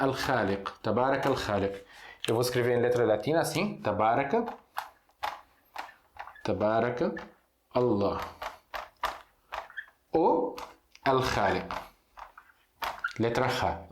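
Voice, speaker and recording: Syrian man, native Arabic speaker, mid-pitched, teaching a relaxed lesson with lots of fillers, recorded in a roomy echo. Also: slight background noise. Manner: hesitant, many fillers and restarts, explains with examples. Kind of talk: casual online language lesson. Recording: echoey room.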